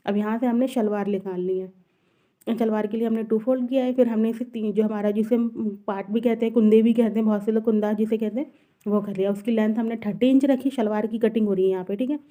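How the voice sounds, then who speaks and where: A woman walks through cutting a dress in a quick tutorial. Her voice is mellow and soft-edged, her pace brisk. She repeats each step patiently. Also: on the high side. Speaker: tailoring teacher.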